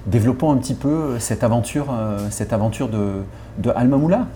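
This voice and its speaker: A man of medium pitch, interviewing a guest in a polite and formal manner with steady questions. Faint ambient noise runs behind him. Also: brisk.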